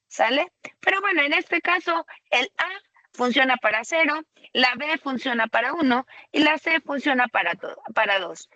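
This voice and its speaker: A woman presenting a webinar lecture for tutors, explaining slowly and conversationally and often checking in with a rhetorical "¿sale?". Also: sits high, bright, forceful tone, dry recording, highs cut off.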